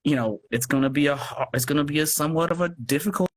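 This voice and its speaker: With a fairly high pitch and a quick pace, this man chats casually as an interview guest on a noisy livestream call. He's a radio play producer, earnest and effusive, who frequently doubles back over his phrases.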